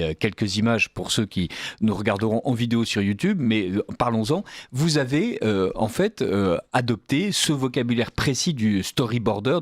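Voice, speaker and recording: A man's voice: medium pitch, dry recording, studio quality. A man hosting a radio interview, asking long questions full of fillers. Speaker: radio host.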